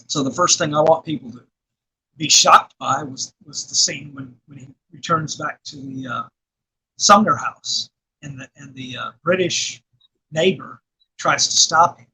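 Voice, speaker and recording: Middle-aged arkansas man, rambling interview guest, husky and bright. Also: a little high, a little slow, poor audio. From Arkansas, USA. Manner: rambling, many fillers and restarts, laughs often. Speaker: guest filmmaker and actor. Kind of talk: casual interview chat.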